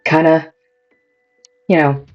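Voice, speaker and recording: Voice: mid-range voice, level tone, slow pace. A game master casually and hesitantly narrating a tabletop role-playing game. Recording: dull lo-fi audio, faint music behind.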